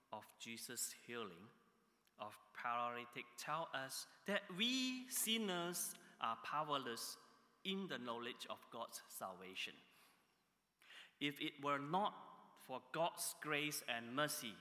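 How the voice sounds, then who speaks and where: A man delivers a sermon at a slow, deliberate pace. His voice is piercingly bright and tense, and he punches key words with emphatic jumps in pitch. A long reverb trails each phrase, as in a large hall. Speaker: preacher.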